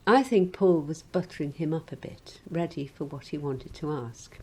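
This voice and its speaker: A woman preaching a sermon in a measured, gently wry reflective way. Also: deep voice, lively intonation, husky, rough recording.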